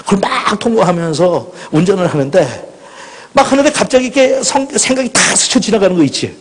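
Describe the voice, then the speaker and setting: A middle-aged male pastor preaching a dramatic personal story at a retreat, swinging between loud outbursts and hushed lines. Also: high voice, lively intonation, fairly quick, breathy edge. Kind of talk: impassioned sermon storytelling. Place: large hall at a student retreat. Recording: echoey hall with long reverb.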